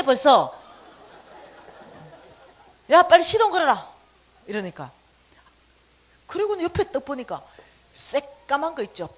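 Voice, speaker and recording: A middle-aged woman teaches in a church finance lecture, bringing her stories to life by acting out each side of a conversation. Her voice sits high and leaps about in pitch as she tells them. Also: husky. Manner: animated, acts out dialogue with exaggerated voices and laughs. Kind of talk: lively storytelling lecture.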